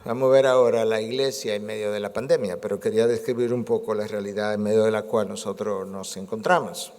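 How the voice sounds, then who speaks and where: A man's voice: lowish voice, steady tone, a little fast, darkish tone, big-room sound. A pastor in his sixties preaching a sermon, building his points with rhetorical questions and repeated phrases. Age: 60s. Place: church sanctuary.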